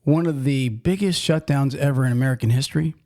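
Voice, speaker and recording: A man's voice: medium pitch, a little fast, a little mellow. A man hosting a casual trucking podcast, talking in a folksy, rambling way with frequent restarts. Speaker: podcast host.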